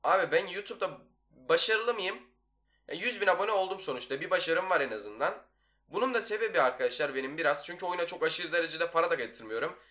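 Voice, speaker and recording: A young man hosts a gaming video in a casual, talkative way. His voice sits a little high for a man and has a bright, forceful edge. He keeps up a running commentary as he plays. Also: animated, fast. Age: young adult. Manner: chatty, talks nonstop. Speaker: YouTuber, gaming video host. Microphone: desktop microphone.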